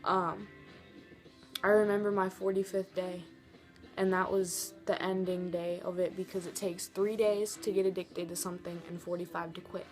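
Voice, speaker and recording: A teenage girl telling a personal story in a confessional vlog, earnest and halting, with many restarts. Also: on the low side, little pitch movement, faint music behind. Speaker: vlogger.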